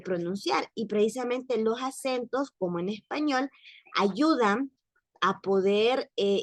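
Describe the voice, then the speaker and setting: A woman teaching French in an online class, speaking slowly and repeating words for practice. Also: medium pitch, no room sound. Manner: slow, careful, repeats words for drilling.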